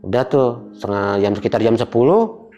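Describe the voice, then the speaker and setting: A young man, casually telling a personal ghost story as a guest, in an animated, dramatic way full of fillers. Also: medium pitch, moderate pace, highs cut off.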